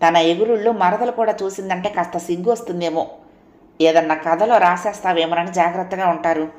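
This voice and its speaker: A woman's voice: fairly low pitch, steady tone, a little fast, darkish tone, echoey room, natural voice. A woman voicing an outspoken housewife in an audio story, speaking firmly and frankly. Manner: firm, lecturing.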